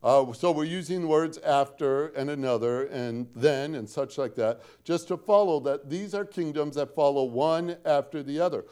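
A man from Northwest Indiana, USA, with the region's accent, preaches a sermon in a fairly high, darkish, clean-toned voice. He sounds conversational and folksy as he tells stories, adding dry self-deprecating asides and emphatically repeating key points.

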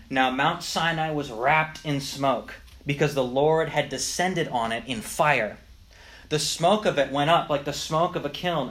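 A man's voice: mid-range voice, fairly bright tone. A man teaching a Sunday school lesson, explaining the Bible and reading scripture aloud with rising emphasis.

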